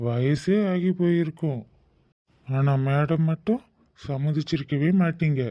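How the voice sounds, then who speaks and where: Man as earnest young husband in a cartoon drama, fairly high voice, dry lo-fi read. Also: a little slow, no room sound, close to an everyday voice. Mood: playful. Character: young husband, remorseful and doting. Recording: dull, dry lo-fi recording.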